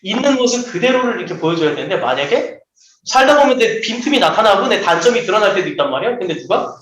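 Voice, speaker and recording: A man's voice: sits high, fast. A man preaching a sermon to children, telling stories and acting out the voices of the people in them. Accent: Seoul Korean. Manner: lively, acts out quoted voices. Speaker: children's pastor. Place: church hall. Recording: echoey room.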